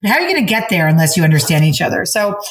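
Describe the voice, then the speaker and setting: A woman hosting a casual conversation, telling stories in an animated way and often speeding up or slowing down. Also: lowish voice, echoey room. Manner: animated, storytelling, rapid shifts in pace. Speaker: host.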